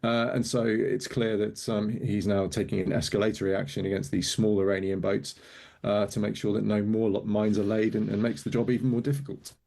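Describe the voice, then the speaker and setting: A Welsh man speaking as a guest analyst, measured and hesitant with frequent ums. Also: on the low side, flat delivery, gravelly, warm tone. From Wales. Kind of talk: interview commentary.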